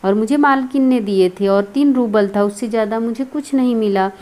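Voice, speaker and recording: A woman's voice: fairly high pitch, moderate pace, lightly acted. A woman reading as a timid, trembling young maid. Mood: meek. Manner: soft, trembling, close to tears. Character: timid young maidservant, frightened, meek.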